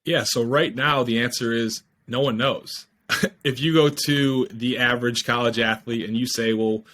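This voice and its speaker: Speaking through a headset from a home room, a startup founder in his twenties joins a casual podcast interview by video call. He explains eagerly with many fillers, his mid-range voice a bit bright, steady in tone and at a normal speed.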